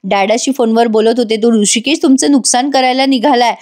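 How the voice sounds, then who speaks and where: A woman voicing a scheming young wife in a brisk, dismissive tone while recounting a TV serial. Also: a little high, steady tone, darkish tone, close to an everyday voice. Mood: persuasive. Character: scheming young wife, sly and sharp-tongued.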